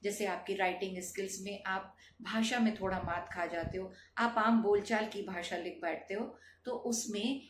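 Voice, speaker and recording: A woman's voice: medium pitch, moderate pace, slight background noise. Hindi teacher woman in an echoey room. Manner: addresses viewers as children, with rhetorical questions. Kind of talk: spoken lesson for students.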